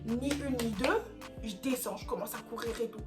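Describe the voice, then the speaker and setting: A young woman from France telling a dramatic storytime in a casual vlog, in lively, slangy street talk. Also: fairly high pitch, moderate pace. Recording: music playing underneath.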